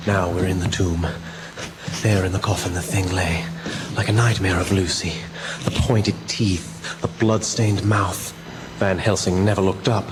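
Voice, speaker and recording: Gothic radio drama doctor, played by a man: low-pitched, earnest, haunted, measured storyteller, noisy recording. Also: steady tone. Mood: haunted, tense. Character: earnest, haunted male doctor recounting horrors. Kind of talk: dramatic first-person radio drama narration.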